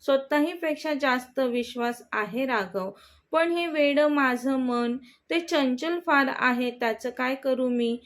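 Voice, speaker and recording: A woman's voice: sits high, takes it slowly. A woman voicing a devoted, anxious young woman in love, speaking earnestly and pleadingly in a storybook reading.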